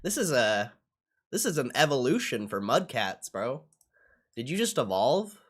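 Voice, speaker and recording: Reacting to on-screen action during a laid-back livestream, a young man talks in a mid-range, slightly rough voice with big pitch swings and a measured pace. He swears, uses slang, and often says the same phrases twice.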